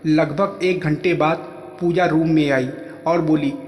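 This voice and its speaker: A man telling a first-person story in plain, steady narration. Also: on the high side, a little slow. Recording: echoey room with long reverb.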